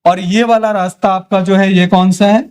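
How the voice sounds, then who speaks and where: A young male teacher with a high voice lectures a class, repeatedly posing questions and answering them himself while checking in often to make sure students follow. His tone is steady, clean, and a little mellow, at a moderate pace.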